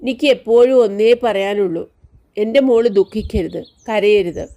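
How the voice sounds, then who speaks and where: A woman voicing a frail bedridden old man who speaks softly and gently to his niece. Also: medium pitch, moderate pace, natural voice. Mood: tender.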